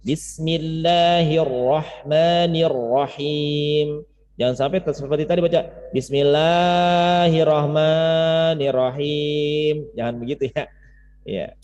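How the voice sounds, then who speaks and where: Speaking fast and expressively in a dark-toned, medium-pitched voice, a man runs an informal Quran recitation lesson over Zoom. He explains and repeats words and syllables as chanted demonstrations, and the audio is muffled and reverberant.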